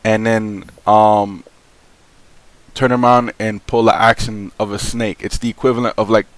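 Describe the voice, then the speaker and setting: A young man with a somewhat low voice speaks straight to his viewers in an unscripted vlog. His talk is loose and slangy, full of fillers and restarts. He sounds frank and aggrieved as he airs his complaint. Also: little pitch movement, measured pace, no echo. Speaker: vlogger. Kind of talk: casual vlog monologue.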